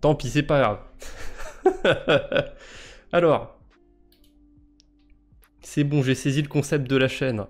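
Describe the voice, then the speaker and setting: A man's voice: medium pitch, slow pace, long pauses, faint music behind. Joking French man streaming crypto quests. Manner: joking, self-mocking, thinks aloud with fillers. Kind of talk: casual live-stream commentary.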